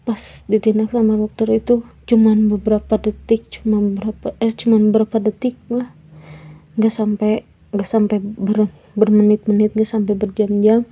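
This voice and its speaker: A woman tells a personal story in a soft, halting voice that often drops near a whisper, sounding tearful. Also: medium pitch, flat delivery, husky, lo-fi sound. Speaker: vlogger.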